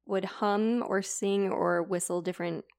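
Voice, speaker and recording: A woman's voice: mid-range voice, fairly even intonation, a little slow, a little mellow, clean tone. A woman podcast co-host casually retelling a classic story in a chatty, filler-heavy way.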